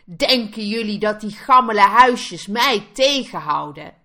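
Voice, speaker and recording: A woman doing a loud hungry big bad wolf. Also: medium pitch, expressive, measured pace. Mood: menacing. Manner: loud, threatening.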